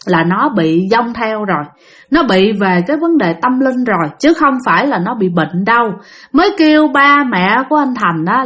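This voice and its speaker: A woman with a Southern Vietnamese accent narrating a ghost story in a chatty, drawn-out way, with many sentence-end particles. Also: medium pitch, a bit bright.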